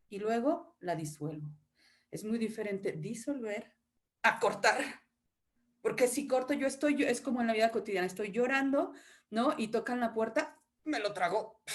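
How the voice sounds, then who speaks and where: A woman, an acting teacher giving an animated panel talk with demonstrations and laughing asides over a video call. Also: mid-range voice. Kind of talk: panel presentation.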